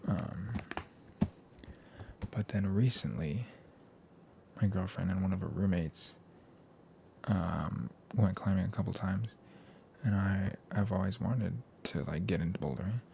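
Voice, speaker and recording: Young adult American male for casual ASMR chat: hushed, soft-spoken, often whispering, with gravelly fry, over noticeable background noise. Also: low-pitched, unhurried, long pauses. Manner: laid-back, slangy, meandering. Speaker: ASMR video host.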